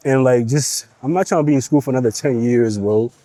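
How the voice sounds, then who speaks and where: Nasal from a cold, a young fitness vlogger pauses between sets in the gym to talk bluntly to the camera, his profane, pep-talking tone casual throughout. His voice is medium-pitched, mellow and a little fast, with no echo.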